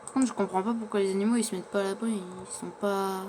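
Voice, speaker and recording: A man's voice: high-pitched, steady tone, fast talker, noisy background. A man playing in character, chatting through his survival game and narrating what he does, often stumbling over his words. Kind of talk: in-character survival gameplay commentary.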